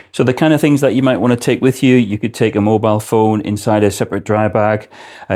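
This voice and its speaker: A man's voice: deep voice, warm tone. A man giving an informal product explanation as a presenter, speaking indoors in a shop.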